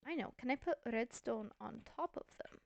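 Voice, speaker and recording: A woman's voice: on the high side, moderate pace, vocal fry, highs cut off. A woman hosting a casual gameplay video, chatty and thinking aloud with playful self-mockery. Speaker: Minecraft let's-play host.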